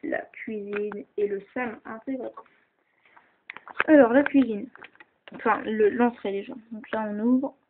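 Narrating at an unhurried pace with long pauses, a toy builder shows off her model at home. Her fairly high voice stays fairly even in intonation, and she chats casually, hesitantly, with lots of fillers. A handheld camera held close captures it in tinny, hissy lo-fi sound.

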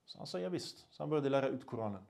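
Male preacher, mid pitch, lively storytelling sermon phrases. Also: creaky. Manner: vivid storyteller, voices the characters, mixes Arabic phrases. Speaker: Islamic preacher.

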